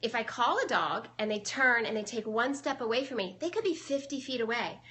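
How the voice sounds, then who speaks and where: A woman's voice: a little high, lively intonation, fairly quick, sharp tone. A young adult woman, a dog trainer, casually explaining her methods on a live stream and answering viewers, chatty with many fillers.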